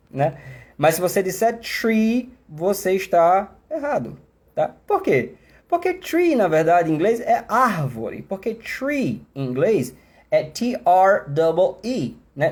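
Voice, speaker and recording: Man, Brazilian Portuguese accent, English teacher, lively up-and-down delivery, mellow dark tone, chatty asides. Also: sits high. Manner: animated, chatty, self-mocking asides; exaggerated slow demonstrations. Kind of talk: live online pronunciation lesson.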